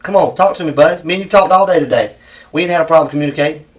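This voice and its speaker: A man with a Southern US accent works as a police interrogator, speaking quickly in a slightly high voice. He is folksy but persistent and probing, throwing answers back as questions. The microphone is some distance away.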